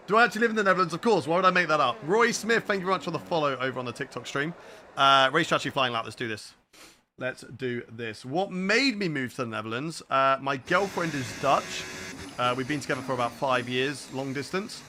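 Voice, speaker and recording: A young British man on the high side, with a sharp tone, streams a racing game and offers casual live commentary, reacting aloud and replying to viewers. The game's car engine sounds come through clearly in the background.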